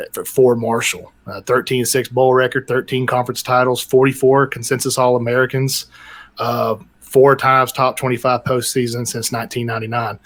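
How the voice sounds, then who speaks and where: A man's voice: mid-range voice, a bit bright. A man co-hosting a casual college football podcast, easygoing and loose. He reels off records and stats as he makes his case. His voice sits in an ordinary middle range. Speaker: podcast co-host. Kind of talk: casual sports debate.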